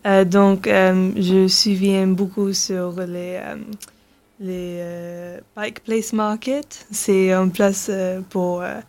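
A woman's voice: mid-range voice, little pitch movement, a little mellow. Hesitant English teenage girl. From England. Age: teens. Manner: hesitant, halting French with many fillers. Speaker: guest. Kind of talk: radio interview.

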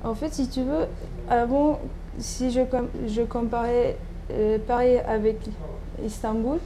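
A Turkish woman in her thirties, a native speaker and doctoral student, answers interview questions casually and hesitantly, with plenty of fillers and restarts. Her slightly high voice is mellow and fairly even, her pace unhurried, and the audio is poor with background noise.

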